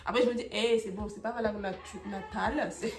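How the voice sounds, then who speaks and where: A woman casually vlogs while tidying her bedroom, speaking French as her second language with lots of fillers, restarts and English phrases mixed in. Her medium-pitched voice is steady and fast. The recording sounds roomy and distant, with faint music behind her.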